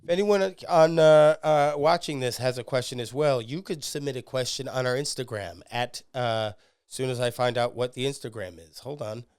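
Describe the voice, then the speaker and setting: A man hosting a podcast, giving excitable, swearing fan commentary with lots of fillers. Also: medium pitch, moderate pace, clear, resonant tone, no echo, studio quality. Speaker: podcast host.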